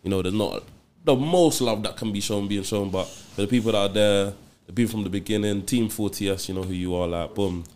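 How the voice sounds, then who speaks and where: A man's voice: on the low side, fairly quick, darkish tone, a little hiss or hum. A man with a London roadman accent bantering casually in street slang as a podcast co-host.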